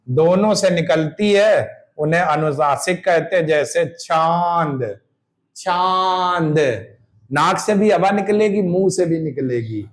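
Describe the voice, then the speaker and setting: A man teaching Hindi grammar for exam prep, sounding out examples and answering his own questions. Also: high-pitched.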